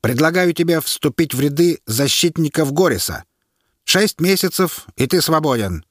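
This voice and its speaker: A man's voice: on the high side, animated, normal speed, no echo, studio quality, voice pushed up. A man voicing a firm mid-rank male military officer in an audiobook, curt and commanding.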